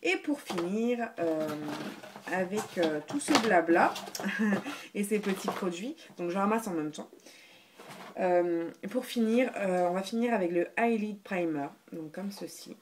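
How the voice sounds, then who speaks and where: A woman's voice: medium pitch, a little slow, noisy background. A woman chatting casually through a beauty haul video, hesitant, with many fillers and restarts. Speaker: beauty vlogger.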